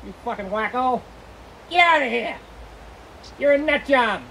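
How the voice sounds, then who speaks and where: A man voicing a belligerent male forest predator with a gruff, taunting wise-guy manner in a comedy sketch. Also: very high voice, expressive, unhurried, bright, forceful tone, slight background noise, heavily acted, rough recording. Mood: hostile. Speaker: comedy podcast host.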